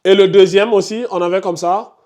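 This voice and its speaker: A man's voice: high-pitched, steady tone, a little fast, darkish tone. A man teaching a Quran recitation class. He repeats his explanations step by step and scolds students who are not following. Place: classroom with a board.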